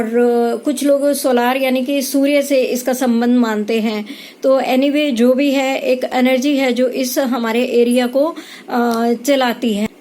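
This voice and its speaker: Slightly high-voiced woman, calm and explanatory. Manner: calm, explanatory, with frequent hesitations. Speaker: tarot reader and spiritual speaker. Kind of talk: explanatory talk to camera.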